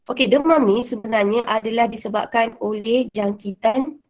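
A woman's voice: a little high, normal speed. A woman teacher with a Malaysian Malay accent, giving a casual revision lesson with many fillers and English words mixed in.

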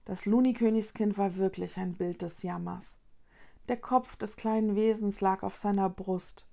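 A woman reading a children's storybook aloud in a calm, soft and measured way. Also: mid-range voice, vocal fry. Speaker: storybook reader.

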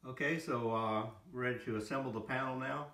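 A middle-aged hobbyist builder narrates casually at a worktable in his home, giving unscripted how-to tips in short bursts as he works with his hands. His mid-range voice is steady, brisk, and fairly bright. The home recording is noisy and has clicks.

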